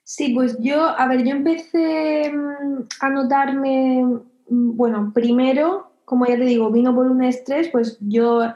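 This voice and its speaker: A young woman in her twenties being interviewed, telling a personal story in a hesitant, reflective way with many pauses and fillers. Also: high-pitched, fairly even intonation, mellow. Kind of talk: personal testimony. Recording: echoey room, dull lo-fi sound.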